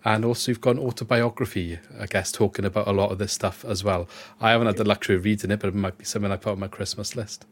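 A man with a Swansea accent speaks in a fairly low voice. He hosts conversationally, guiding a podcast interview. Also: fairly even intonation, racing, few pauses. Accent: Swansea Welsh. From Swansea, Wales. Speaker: podcast host.

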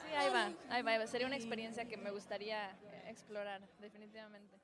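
A woman's voice: on the high side, flat delivery, fast, a crowd in the background. A woman, a musical theater actress telling a story in a casual interview, with lots of restarts and fillers. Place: outdoors in a city.

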